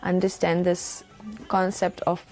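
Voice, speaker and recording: Woman from Lithuania, volunteer nurse; mellow, reflective, hesitant talker. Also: lowish voice, completely flat delivery, measured pace, faint music behind. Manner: reflective, hesitant, many fillers. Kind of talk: interview testimonial.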